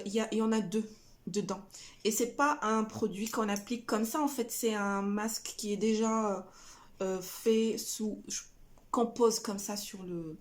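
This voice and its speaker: Middle-aged woman doing a haul video, talks slow, lots of euh and restarts. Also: mid-range voice. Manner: hesitant, many "euh" fillers and restarts. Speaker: family vlogger showing a shopping haul. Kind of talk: casual haul chat to camera.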